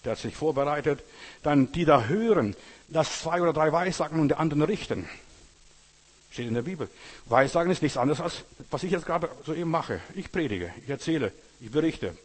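A man's voice: a little high, animated, fairly quick, slightly rough, big-room sound. A man preaching a sermon, emphatic and repetitive, often addressing the listener directly.

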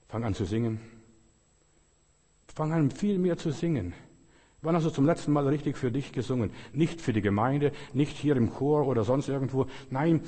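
A man's voice: medium pitch, dark tone, big-room sound. A man preaching a sermon with emphasis, repeating his phrases and quoting scripture. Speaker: pastor.

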